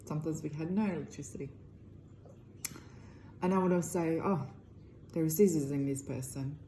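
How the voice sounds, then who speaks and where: Speaking directly to camera to promote her work as an energy healer, a middle-aged woman from Croatia uses loosely phrased English with a Croatian accent. Her voice is deep and warm, her pace moderate, and the low-quality recording carries slight background noise.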